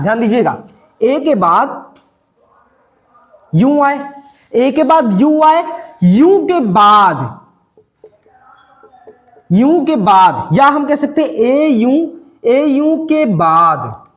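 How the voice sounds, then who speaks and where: A man's voice: very high-pitched, big pitch swings. Guy teaching english pronunciation, voice swings up and down a lot, keeps asking "what do we read?" then answers. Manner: repeats words and quizzes himself with questions; stretches out key sounds slowly. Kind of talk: pronunciation lesson.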